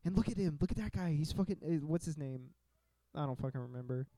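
Rambling, excitable young man. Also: fairly high pitch, quick pace, no echo. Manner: rambling, excitable, swears a lot. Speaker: podcast co-host. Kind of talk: casual chat.

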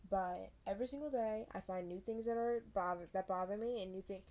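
A young adult woman co-hosting a casual podcast, talking fast and loose, rambling and swearing freely. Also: mid-range voice, a little mellow. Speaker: podcast co-host.

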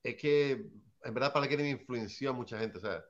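A man's voice: mid-range voice, fairly quick, a crowd in the background. Rambling man, muffled sound. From Seville, Spain. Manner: rambling, tags lines with "¿sabes?". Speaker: early hip hop artist. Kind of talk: casual anecdote-telling.

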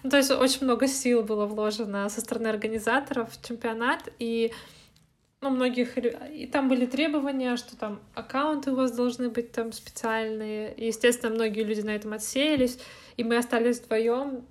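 A woman co-hosting a podcast, telling things in an animated, slangy, conversational way. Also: on the high side, moderate pace. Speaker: podcast co-host. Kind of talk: casual chat.

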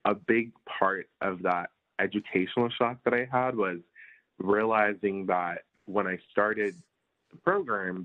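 A man in his early twenties from India, answering interview questions in a rambling casual way full of fillers. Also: deep voice. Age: early 20s. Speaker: guest. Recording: phone-like remote call audio.

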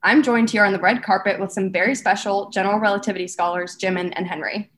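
A young woman plays a bubbly red carpet host who rattles off her lines at a quick clip, all showy presenter energy. The delivery is scripted and bright in tone, like a mock awards-show broadcast. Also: mid-range voice, fairly even intonation, a little hiss or hum, natural voice. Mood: upbeat.

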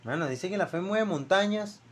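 A young man with a Venezuelan accent, co-hosting a casual podcast chat, slangy and quick to laugh. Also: high-pitched, lively intonation, fairly bright tone. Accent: Venezuelan Spanish. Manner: slangy, laughs often, repeats himself. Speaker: podcast co-host.

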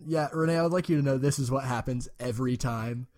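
A man's voice: medium pitch, fast, darkish tone. A young man co-hosting a casual worldbuilding podcast, joking and laughing often as he trails off mid-thought. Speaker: podcast co-host.

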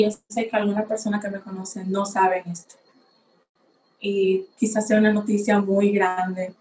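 Slow-talking young woman. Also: medium pitch, a little mellow, reverberant, poor audio. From Dominican Republic. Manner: unhurried, reflective, a little unsure. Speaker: podcast host. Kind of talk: personal faith testimony. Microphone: facing a camera.

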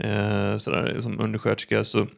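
A man's voice: fairly low pitch, completely flat delivery, creaky. A man who works as an assistant nurse, talking chattily with plenty of fillers in a casual conversation. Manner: chatty storyteller, hesitant fillers.

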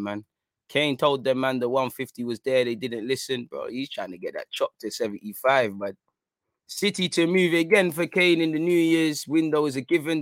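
A man's voice: mid-range voice, fairly bright tone, no room sound, clean studio sound. A man with an urban London roadman accent and slangy delivery, chatting casually about football to his audience. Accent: London, urban street slang. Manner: slangy roadman-style talk, addressing listeners as bro and man. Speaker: football fan content creator.

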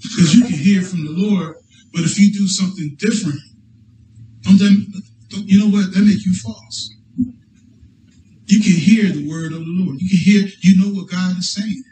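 A man's voice: sits high, moderate pace, pauses often, mellow. A man preaching a sermon to his congregation, often asking for an amen and restarting his phrases. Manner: call-and-response, restarts often. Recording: echoey hall, distant mic.

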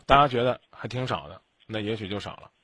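Radio advice host, male, dry studio sound, lectures sharply, bright voice. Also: fairly low pitch, fast talker, husky, no echo. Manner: blunt, lecturing, scolding. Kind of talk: late-night call-in advice.

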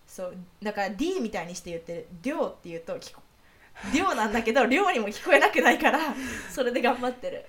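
A woman co-hosting a podcast in casual chat, chatty and quick to laugh. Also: on the high side, animated, a bit bright. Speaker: podcast co-host.

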